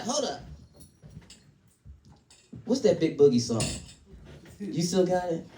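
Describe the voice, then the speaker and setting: A male comedian works a live crowd, loud and playful, teasing the audience. His voice sits high and leaps all over the place. The sound is roomy and echoey, caught from a distance. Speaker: stand-up comedian.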